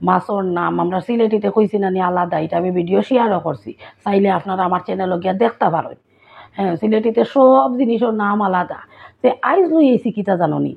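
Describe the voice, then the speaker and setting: Sylheti-accented woman vlogger, raspy, phone-line quality. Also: mid-range voice. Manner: chatty, asks listeners if they follow. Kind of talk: casual vlog chat. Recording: tinny phone-like sound.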